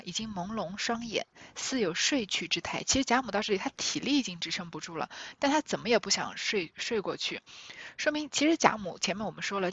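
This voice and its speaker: A woman's voice: medium pitch, fairly bright tone, breathy edge, no room sound. A woman lecturer retelling and explaining a classic novel, narrating with small restarts and trailing particles. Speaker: literature lecturer. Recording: dull dry recording.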